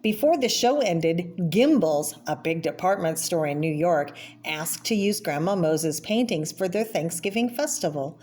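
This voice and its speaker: A woman with a fairly low, darkish voice reads a children's picture book aloud with lively intonation. She reads as a presenter for children, stopping now and then to name things in the pictures and add casual, explanatory comments.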